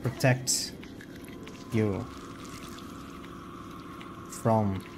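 A man's voice: lowish voice, steady tone, drawn-out words, gravelly, background noise, heavily acted. A man voicing a broken, dying female doll in a horror game, pleading faintly one word at a time. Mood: weak, pleading.

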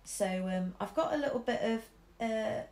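A young artist streamer from Shropshire, England, with a mixed Midlands accent, chats while drawing in her living room, caught by a camera over her shoulder. Her voice is a little high and a little mellow at a moderate pace, and she laughs easily among many ums and restarts in an echoey room.

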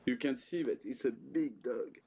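An older man, a native French speaker, talking in halting, jokey English with a French accent on a casual livestream. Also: medium pitch, dull audio, a crowd in the background. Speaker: guest dad on a livestream. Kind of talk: casual livestream chat while scratching lottery tickets. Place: small indoor room. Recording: clearly noisy livestream room sound.

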